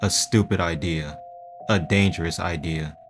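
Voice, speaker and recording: A man telling a first-person horror story in a hushed, suspenseful voice with dramatic pauses. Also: low-pitched, fairly even intonation, slight background noise. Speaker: storyteller and voice actor.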